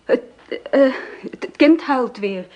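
Sylvie, a jumpy, evasive young mother in a radio play, is performed by an actress who has her stammer and rush to avoid questions. The voice sits high with lively intonation and a slow pace, and the sound is lo-fi.

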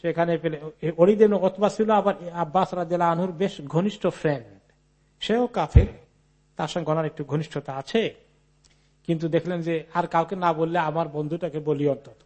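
Man preaching, high voice, slow Arabic recitation, loose casual explaining. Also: darkish tone. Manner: reads Arabic text slowly, then explains casually. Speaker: Islamic preacher. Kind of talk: sermon.

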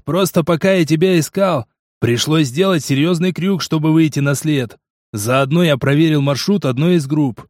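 A sarcastic, gruff mercenary partner in an audiobook, a man putting him on. He talks in a fairly high voice, bluntly and mockingly, recorded close with no room sound. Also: darkish tone, dry recording, close to an everyday voice.

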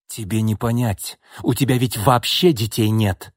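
A man voicing a tired, stern middle-aged mother in an audiobook, speaking quietly and with restraint. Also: on the low side, measured pace, no room sound, studio quality. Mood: restrained. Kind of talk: audiobook character voice.

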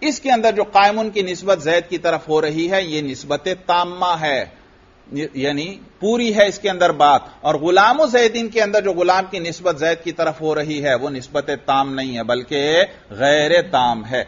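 A man teaching Arabic grammar in a classroom lecture, asking his students questions and answering them himself, reading Arabic text aloud and then explaining it. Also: fairly high pitch. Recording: dull lo-fi lecture recording.

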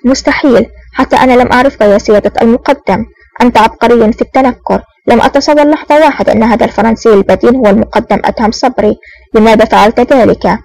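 A woman's voice: on the high side, fast, gravelly, darkish tone, poor audio. A woman voicing a defiant young female officer held hostage in an audiobook, wry and unbowed. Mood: stunned.

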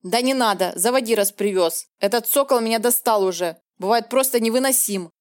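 A woman's voice: a little high, fairly quick, lightly acted. A woman reading the lines of an annoyed, grumbling male guard in an audiobook.

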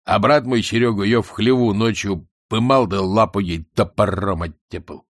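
A coarse country soldier barks orders and spins yarns in broad, folksy village speech, as a low-voiced storybook narrator plays him. The voice sits low and the recording is close and dry. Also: male voice, moderate pace, dry recording. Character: blunt rustic soldier, male, coarse and bossy.

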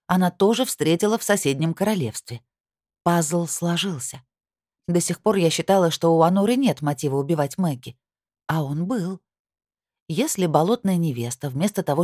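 A woman narrating a first-person fantasy audiobook in a wry, lively storytelling manner. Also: sits low, dry recording, studio quality.

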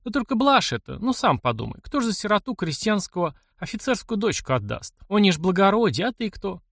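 A man's voice: high voice, big pitch swings, a little fast, creaky, fairly bright tone, no echo, studio quality, voice pushed up, heavily acted. A man voicing a worried older peasant woman who fosters a young man, in an audiobook, speaking in a fretful, pleading way. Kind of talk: audiobook character voice.

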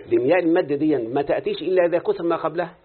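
Fast-talking Egyptian man teaching grammar. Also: a little high, breathy edge. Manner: quick explaining, checking understanding with questions. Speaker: teacher of Quranic readings and grammar. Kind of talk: live lesson with a student. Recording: tinny phone-like lo-fi recording.

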